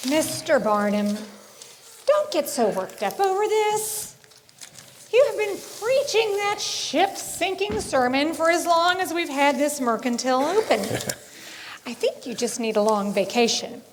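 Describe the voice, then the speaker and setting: Casting: woman as a slow-talking, teasing wife, high-voiced and theatrically sarcastic. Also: lively intonation, a little hiss or hum. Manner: drawn-out, coy and sarcastic, gasping for effect. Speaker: shopkeeper's wife Missus Barnum. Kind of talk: community theater stage acting. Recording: live stage audio in an echoing hall.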